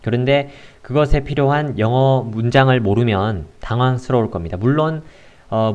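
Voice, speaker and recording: A man teaching an English lesson in a casual explanatory way, unhurried and pausing often with filler sounds. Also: medium pitch, darkish tone.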